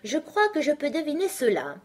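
Storybook Alice, a polite, curious little girl, voiced by a woman; high and earnest. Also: huge pitch swings, moderate pace.

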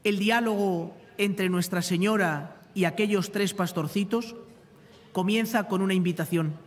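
A man's voice: high voice, unhurried. A middle-aged man preaching a reflective homily phrase by phrase, as a priest at a chapel lectern. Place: large open chapel, lectern microphone. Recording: long reverberant chapel echo.

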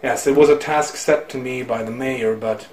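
A man voicing a solemn grown man from a village, reading game dialogue in a hushed, slow way, recorded on a phone camera in a room. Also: mid-range voice, fairly even intonation, echoey room, close to an everyday voice.

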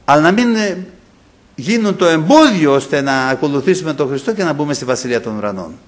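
Animated man preaching. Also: a little high. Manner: impassioned preaching, acting out quoted voices, often addressing "brothers". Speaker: pastor. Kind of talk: sermon.

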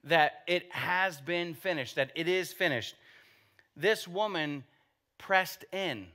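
A man's voice: high voice, lively intonation, takes it slowly, pushed and bright. A man pastor preaching a conversational sermon, asking the congregation rhetorical questions and adding joking asides. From United States.

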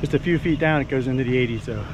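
A man's voice: mid-range voice, very fast. A man, hosting a casual fishing tutorial on a lake, chatty and easygoing. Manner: chatty, excitable when fish bite. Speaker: fishing channel host. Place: open boat on a lake, outdoors. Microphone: action camera on the boat. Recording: outdoor boat noise and wind.

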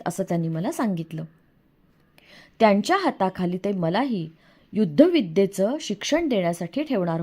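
A woman narrating a novel in the first person, in an expressive storytelling manner. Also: mid-range voice. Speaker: audiobook narrator.

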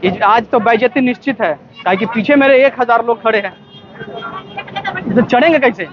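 A young man with a very high voice hosts a chatty, teasing vlog at an outdoor fairground, laughing often as he talks into a handheld mic at a normal speed. His lively on-the-spot commentary comes through dull lo-fi audio with a loud crowd and background noise.

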